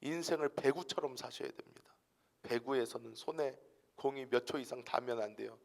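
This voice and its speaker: A male pastor preaching a sermon in a church, dramatic, dropping to whispers and rising to shouts. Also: medium pitch, brisk, gravelly. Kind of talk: Friday night sermon.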